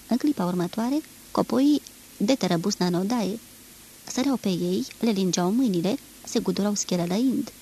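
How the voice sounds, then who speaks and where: A woman narrating a novel as an audiobook reader in a measured, steady way. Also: mid-range voice, creaky, breathy edge, poor audio. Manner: measured, steady literary reading.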